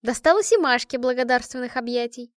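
A woman's voice: on the high side, expressive, brisk, dry recording, studio quality. A woman narrating a story aloud and shifting her voice for each character. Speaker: audiobook reader.

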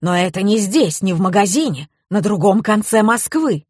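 A woman voicing a fussy, exasperated portly male police colonel in an audiobook, talking down slowly and emphatically. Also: medium pitch, animated, slightly rough, dry recording, clean studio sound. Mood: dry. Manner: grumbling, condescending, slow and emphatic. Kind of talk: audiobook character reading.

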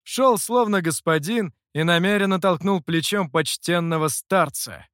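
A man's voice: high voice, a little slow, fairly bright tone, clear, resonant tone, no echo, clean studio sound. A man voicing an indignant male bystander who accuses a youth.

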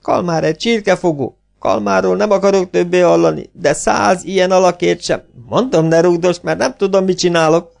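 Shrill hysterical young actress, loud and bratty, guy doing the voice with a gravelly edge. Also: steady tone, few pauses. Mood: furious. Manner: shrieking, hot-tempered outbursts. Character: hysterical young woman actress, tipsy and tearful.

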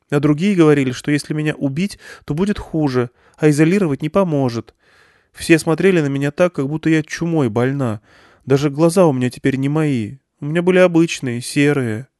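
A man's voice: fairly high pitch, darkish tone, no room sound, clean studio sound, pitched above the performer's own voice, close to an everyday voice. A man voicing a frightened teenage girl with strange powers, speaking in a thin, plaintive voice. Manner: thin, plaintive, hysterical when upset.

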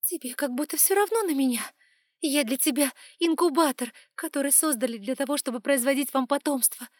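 Woman voicing a shrill, furious young heroine. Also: fairly quick, dry recording, studio quality, lightly acted. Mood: angry. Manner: shouting, accusing.

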